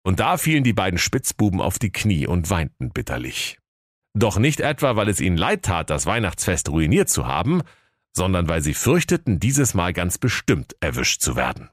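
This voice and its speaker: A man narrating a comic fairy tale for children in a mock-solemn, lively storytelling manner. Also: sits low, moderate pace, no echo, clean studio sound.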